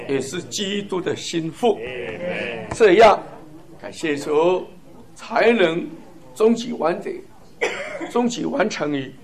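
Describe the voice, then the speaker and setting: Fervent man preaching with chuckles. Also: high voice. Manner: fervent, chuckling, emphatic lists. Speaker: church speaker. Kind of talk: sermon testimony.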